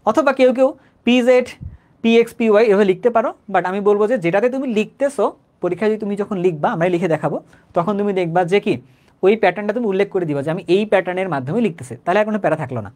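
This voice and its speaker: A man's voice: sits high, rapid-fire, a little mellow. A man, teaching chemistry in an online lecture in a conversational way, repeating phrases and often checking whether students understand.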